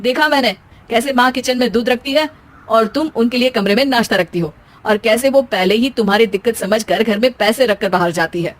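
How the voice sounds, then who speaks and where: An exasperated young husband from a family storybook comedy, voiced by a woman. The pitch is a bit high for the part. He scolds wryly, playing the fed-up peacemaker. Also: fairly quick, lightly acted. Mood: reproachful.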